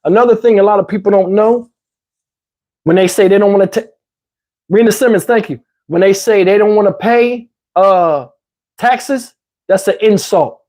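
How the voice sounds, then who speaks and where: A rambling man with a fairly high, darkish voice and a Southern US accent talks at a moderate pace on a casual YouTube livestream. Chatting conversationally, he asks "you know what I'm saying" as his voice tires and his throat grows parched.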